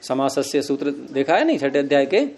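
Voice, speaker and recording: Questioning Sanskrit grammar teacher, mellow voice. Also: male voice, mid-range voice, sing-song, brisk. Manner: explains step by step, quizzing students with questions. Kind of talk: classroom lecture.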